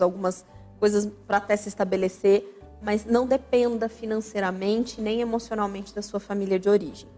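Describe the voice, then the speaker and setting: This is a woman with a high, bright-pitched voice, hosting a radio program about family. She explains in a didactic, emphatic way and hammers points home by repeating words. Soft music sits faintly beneath her. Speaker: radio show host and family counselor. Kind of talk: radio talk on family life. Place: radio studio.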